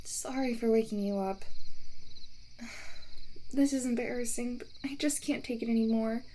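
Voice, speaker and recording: A young woman voicing a playful camping companion who talks straight to the listener. She teases, giggles, and drops into a hushed voice to tell a ghost story. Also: fairly high pitch, moderate pace, a little hiss or hum, close to an everyday voice. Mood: sheepish scared. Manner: teasing, breaks into giggles. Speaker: voice actor in a listener roleplay. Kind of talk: first-person audio roleplay addressed to the listener.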